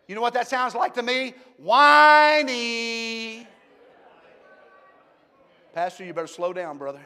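Pastor, high-pitched man, swings from hushed to shouting, church with long echo. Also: lively intonation, quick pace. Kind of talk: Pentecostal sermon. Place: large church sanctuary. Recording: long hall reverb.

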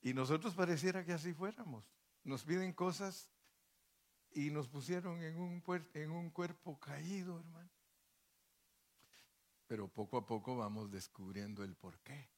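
A man's voice: fairly high pitch, unhurried. Folksy, joking male preacher. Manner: folksy, jokey preaching with rhetorical questions. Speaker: pastor. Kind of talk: sermon.

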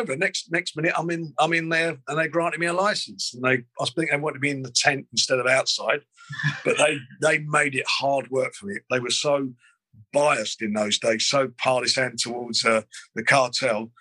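Older man, husky and close-miked, rambling guest recalling the past. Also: mid-range voice, sharp tone, no echo, poor audio. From London. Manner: rambling, frequent restarts and fillers. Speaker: boxing promoter. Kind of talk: interview, reminiscing.

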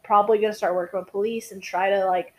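A woman's voice: mid-range voice, fairly even intonation, quick pace, a little mellow, rough recording. A tired young woman co-hosting a casual true-crime podcast, rambling, swearing and restarting her sentences. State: tired, yawning. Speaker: podcast co-host.

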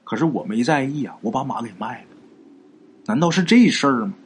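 A man's voice: mid-range voice, animated, fairly quick, slightly rough. A man doing an earnest, worried villager. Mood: anxious. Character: worried middle-aged village man with a bad leg.

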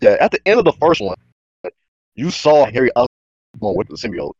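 Man, mid pitch, excitable slangy gamer chat, bro-heavy, dry but slightly muffled lo-fi mic. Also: moderate pace, slightly rough, dry recording. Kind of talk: casual gaming chat.

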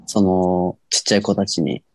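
A man's voice: sits low, level tone, normal speed, a little mellow. A man in his twenties with a Kansai accent, chatting casually as co-host of an amateur radio show. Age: 20s. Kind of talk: casual banter.

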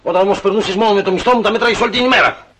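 A man's voice: high voice, slight background noise. An actor playing a middle-aged husband who rants and stammers about his money in an old comedy film. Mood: bitter. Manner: shouting, stammering, theatrical outbursts. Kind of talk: 1960s comedy film acting.

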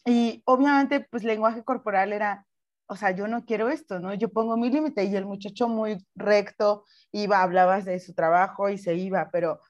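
A young woman with a Mexican Spanish accent, co-hosting a casual podcast chat and telling animated stories with acted-out quotes. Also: medium pitch, moderate pace, dull audio. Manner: animated storytelling, acts out quotes. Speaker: podcast co-host.

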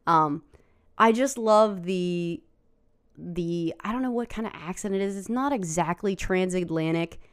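A woman's voice: fairly low pitch, a little slow, clean tone. A woman co-hosting a podcast, chatting casually, blunt and rambling, swearing often. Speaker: podcast co-host. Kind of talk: casual chat.

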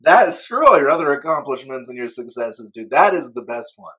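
A man's voice: medium pitch, lively intonation, brisk, pushed and bright, slightly rough, rough recording. A man chatting casually as an interviewer, with slangy, hyped frat-bro banter. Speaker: podcast host interviewing a guest. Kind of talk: casual chat.

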